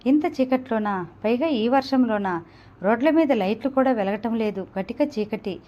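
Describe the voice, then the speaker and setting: A woman voicing a calm, lightly amused male chauffeur in an audio novel, steadying a frightened passenger. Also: a little high, normal speed, lo-fi sound, natural voice.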